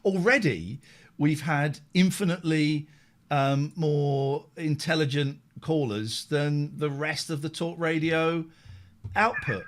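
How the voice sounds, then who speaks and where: A man hosting a live late-night streamed radio chat, animated and self-mocking. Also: a little high, slow. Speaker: host.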